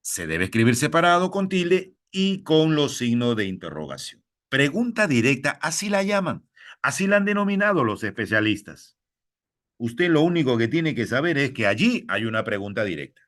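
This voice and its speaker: A man's voice: mid-range voice, sing-song, moderate pace, a bit bright. A man with a Peruvian Spanish accent teaching a lesson, addressing fellow teachers and repeating each key point.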